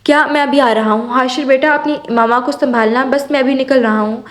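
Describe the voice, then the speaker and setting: A woman's voice: sits high, steady tone, fairly quick, lightly acted. A woman voicing a worried middle-aged father speaking urgently on a call. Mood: anxious. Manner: anxious, urgent.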